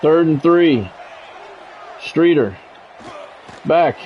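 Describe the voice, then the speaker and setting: A man narrates play-by-play of his own football video game in short, blunt phrases mixed with casual gamer talk. His voice is a little high and animated, and he speaks very slowly. The audio is dull, with slight background noise.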